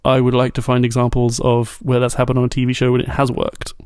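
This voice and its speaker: A man's voice: mid-range voice, completely flat delivery, fast talker, darkish tone, clear, resonant tone, no echo, studio quality. A man chatting casually on a podcast, wry and joking, who keeps asking questions. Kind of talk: casual chat.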